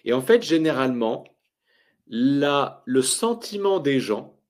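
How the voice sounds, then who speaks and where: A man explaining market indicators to viewers, with lively, emphatic delivery and rhetorical questions. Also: mid-range voice, slow. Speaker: finance educator.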